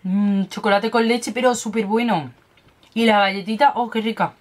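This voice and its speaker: A young woman chats at home in a casual unboxing vlog. Her voice sits at an ordinary middle pitch, and she gushes happily over everything she opens, piling on diminutives. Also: normal speed. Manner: chatty, gushing over cute snacks, lots of diminutives. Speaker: beauty and snack vlogger.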